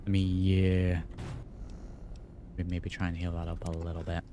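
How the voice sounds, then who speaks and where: A man's voice: deep voice, completely flat delivery, normal speed, background noise. A man giving casual, off-the-cuff commentary while he plays a video game. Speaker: gaming video host. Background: faint game music.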